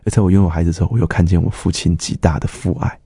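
A man's voice: deep voice, fairly even intonation, very fast, warm tone, breathy edge, no echo, studio quality. A middle-aged man, a pastor earnestly telling his personal testimony and acting out the dialogue he quotes.

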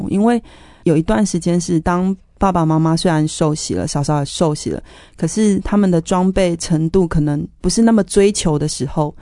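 Here a woman with a rather low, mellow, dark voice gives her personal faith testimony during an interview. Her retelling of family conflict is earnest and charged with feeling. Audio is close-miked and dry.

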